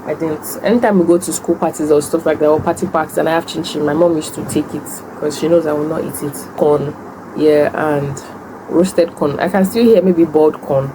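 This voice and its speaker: Eating on camera for a casual mukbang, a young Nigerian-accented food vlogger chats, shares stories and takes questions. Her deep voice keeps fairly even intonation at a moderate pace, with noise in the background.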